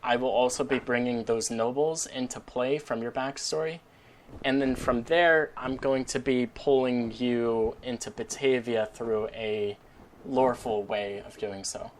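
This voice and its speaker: A man's voice: medium pitch, steady tone, a little slow, a little hiss or hum. A man as game master, casually explaining plans after a tabletop session, step by step and friendly.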